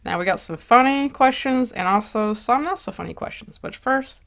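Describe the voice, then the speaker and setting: A woman's voice: fairly high pitch, animated, a little fast, vocal fry, a bit bright. A woman hosting a casual eating show, chatting with a laugh and stumbling over her words now and then. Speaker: mukbang host. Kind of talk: casual chat while eating.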